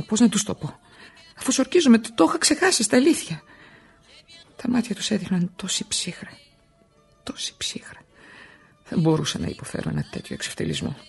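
A woman's voice: lowish voice, creaky, breathy edge, exaggerated voice. An actress playing a frightened, exhausted immigrant wife of an injured worker, pouring out her fears in a radio drama. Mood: distressed. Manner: emotional, confessional monologue.

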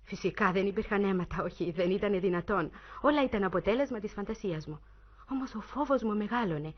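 Expressive woman narrating a suspense story. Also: mid-range voice. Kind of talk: dramatic audiobook narration. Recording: muffled lo-fi recording.

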